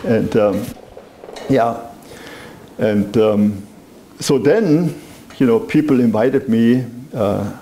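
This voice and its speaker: In an echoey little wine bar with faint noise behind him, a man in his seventies from Germany is interviewed about his past as a wine merchant. He speaks with a strong German accent, warmly and expressively, stretching out words and pausing often. He rambles conversationally, peppering his speech with "you know."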